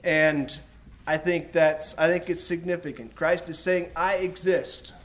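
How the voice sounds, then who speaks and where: Man preaching a slow, emphatic sermon. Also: on the high side, flat delivery, fairly bright tone. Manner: explains slowly with emphatic repetition.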